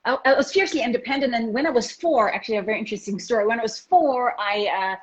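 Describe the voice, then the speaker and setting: A woman from South Africa, a guest on an online interview, telling childhood stories in an animated way over a video call. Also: on the high side, fast talker. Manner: lively storyteller, animated quoting. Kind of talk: casual interview chat. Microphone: video call from a laptop or phone. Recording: dull lo-fi video call audio.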